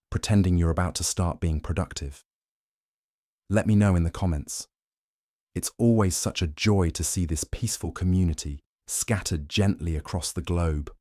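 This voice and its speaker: A man giving a slow, scripted bedtime narration in a gentle, soothing, unhurried manner. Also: low voice, no echo, clean studio sound. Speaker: narrator of a sleep science channel.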